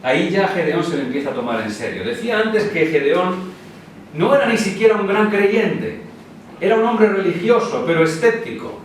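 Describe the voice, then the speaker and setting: A man's voice: high voice, expressive, moderate pace, slight background noise. A man with a Spanish accent preaching a sermon in a church hall, telling the story in a casual, conversational way and acting out the quotes. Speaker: pastor. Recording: very echoey hall, preacher far from mic.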